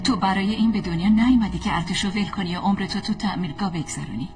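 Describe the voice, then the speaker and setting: A woman dubbing a calm, supportive young woman who encourages the hero, in a gentle, reassuring manner. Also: medium pitch, over music, natural voice. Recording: distant voice over film score.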